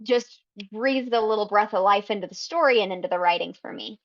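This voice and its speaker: A woman guest on a podcast, talking casually about her writing in an unhurried, thoughtful way with frequent ums. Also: medium pitch. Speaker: guest fanfiction writer. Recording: slightly dull lo-fi audio.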